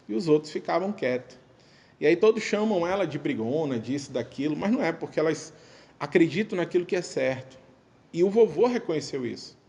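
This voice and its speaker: In a temple, a man gives a spoken testimony recounting a family story, pausing and restarting as he quotes his relatives in a conversational way. His pitch is fairly high, with a slightly mellow quality.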